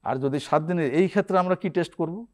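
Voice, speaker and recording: A man's voice: a little high, fast. A man, a guest doctor, explaining symptoms and remedies step by step on a TV health program in a studio.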